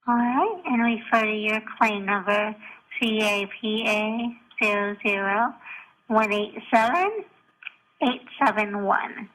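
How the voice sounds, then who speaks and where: Bright-voiced woman leaving a slow answering machine message. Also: medium pitch. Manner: halting, businesslike, stops to correct herself. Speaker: insurance company representative. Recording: noisy voicemail recording with clicks.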